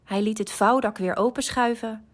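A woman reading a children's story aloud, slow, gentle and expressive. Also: a little high.

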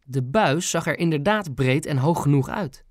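An audiobook narrator telling a children's story with a lively, animated melody. The reading is close-miked and dry. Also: medium pitch, normal speed, dry recording.

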